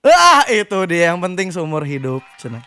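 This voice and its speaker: A man's voice: high voice, huge pitch swings, normal speed, pushed and bright. A young man hosting a live radio matchmaking call-in, joking and teasing the callers. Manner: teasing, jokey, bursts into hype when announcing. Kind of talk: playful live call-in banter.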